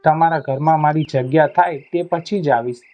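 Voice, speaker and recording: A man playing a calm, firm young Charan woman. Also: fairly high pitch, moderate pace, lightly acted.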